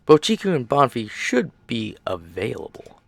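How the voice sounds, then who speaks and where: A man voicing a composed, polite female animatronic dancer with a measured delivery. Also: medium pitch, huge pitch swings, creaky, no echo, voice pushed up, heavily acted.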